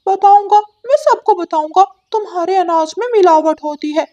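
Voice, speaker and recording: A woman voicing a young male parrot in a cartoon, a loud tattletale who whines and stammers when scared. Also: very high voice, moderate pace, muffled recording, pitched above the performer's own voice. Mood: taunting.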